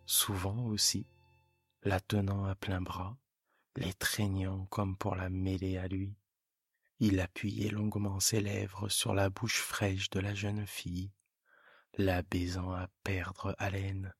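A man reading a classic short story aloud as a calm, hushed bedtime narration. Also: low-pitched, slightly rough, no room sound, studio quality, faint music behind. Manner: calm, hushed, measured delivery. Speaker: audiobook narrator.

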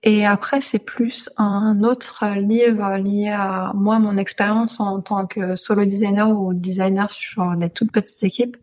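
A woman's voice: medium pitch, flat delivery, measured pace, hardly any pauses, a little mellow. A woman guest in a casual interview, speaking hesitantly with many filler sounds.

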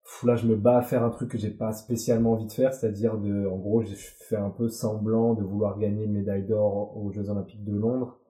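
A man's voice: fairly low pitch, flat delivery, fairly quick, hardly any pauses, warm tone. A man in his forties, a former athlete, speaking candidly and bluntly as an interview guest, often swearing. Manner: emotional, blunt, swears freely. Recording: roomy echo.

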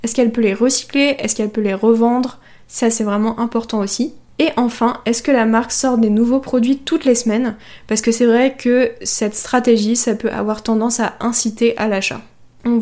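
A woman talks through her podcast advice in an upbeat, conversational manner. Her voice sits fairly high but sounds mellow rather than bright, and she stays enthusiastic throughout. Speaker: podcast host. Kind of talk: podcast monologue giving advice.

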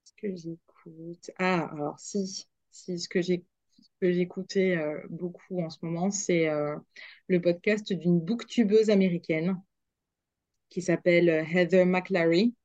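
A woman's voice: fairly low pitch, fairly even intonation, unhurried, a little mellow, no echo, dull audio. A young woman, a radio journalist, chatting as a guest in a podcast interview, hesitant with many fillers and restarts.

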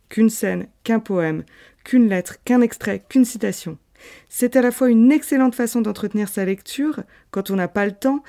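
A French woman hosting a literary podcast, reading a scripted monologue in a lively, playful storytelling way. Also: mid-range voice. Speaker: podcast host.

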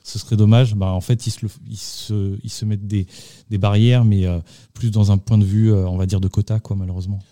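A male musician speaks in a dark, mellow voice, close and dry in the studio. He answers slowly, searching for words with frequent fillers and restarts. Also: on the low side, level tone, no echo. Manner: hesitant, lots of fillers and restarts. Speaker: singer and musician guest. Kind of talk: casual radio interview.

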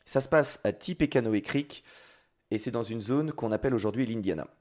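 A man's voice: mid-range voice, fairly quick, a little mellow. A man hosting a podcast, telling history in a casual, joking way with crude slang and lots of fillers.

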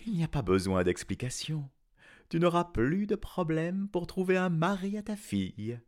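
A calm, amused queen speaks gently and knowingly in a children's storybook, as a man puts her on. Her voice is lifted a little above his own. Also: a little high, normal speed, pitched above the performer's own voice.

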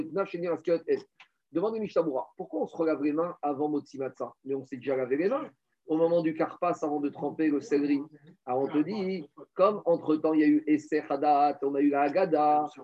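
A man teaching a Torah lesson in French mixed with Hebrew terms, asking rhetorical questions and explaining step by step. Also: on the high side. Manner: lively, rhetorical questions, addresses listeners as Rabotai. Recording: dull lo-fi recording.

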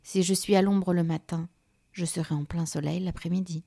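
A woman's voice: lowish voice, fairly even intonation, moderate pace, gravelly, warm tone. A woman voicing a young female night flower, hopeful and a little wistful, in a children's storybook. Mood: friendly.

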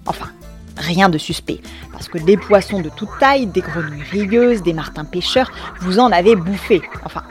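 A woman's voice: on the low side, lively intonation, normal speed, a little mellow, soft background music. A woman reading a scripted second-person story with wry, ironic asides and a few slangy touches. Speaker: narrator.

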